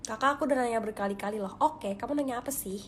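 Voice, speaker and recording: A woman's voice: fairly high pitch, rapid-fire, slight background noise. A young woman, chatting casually on a phone livestream in a confiding way that often drops to a whisper. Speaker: livestream host.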